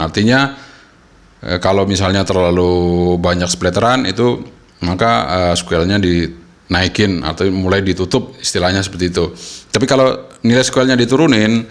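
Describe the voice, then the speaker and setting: Guy, lower voice, casual how-to walkthrough, lots of ums while he explains. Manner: explains step by step with frequent hesitations. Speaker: radio equipment reviewer. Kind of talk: casual product tutorial.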